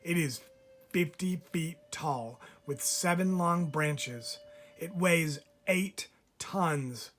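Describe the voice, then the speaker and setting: Reading a children's picture book aloud, a man with a higher-leaning voice takes a measured, expressive approach. He pauses on purpose, like a teacher telling a story to a classroom.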